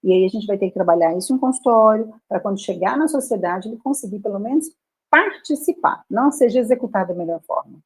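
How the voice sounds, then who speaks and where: A woman's voice: mid-range voice, animated, quick pace, breathy edge, low-quality recording. A woman with a Brazilian accent, a speech therapist explaining her work in a live conversation, often adding tag questions.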